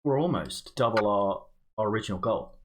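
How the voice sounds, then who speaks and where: This charity livestream host has a fairly low, animated voice, moving at a moderate pace with crowd noise behind him. He talks casually and mutters to himself as he works through origami instructions. The background noise comes through clearly.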